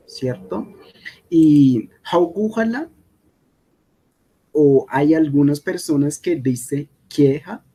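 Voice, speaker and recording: A man's voice: mid-range voice, warm tone, husky. A man whose first language is Kogui teaching a language lesson over slides, often checking in with the listener. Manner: unhurried, checks in with frequent "¿sí?".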